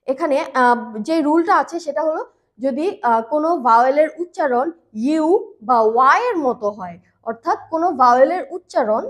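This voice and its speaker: High-pitched lady teaching english grammar, patient, says key words slowly again and again. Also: expressive. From Bangladesh. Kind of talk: grammar lesson explanation.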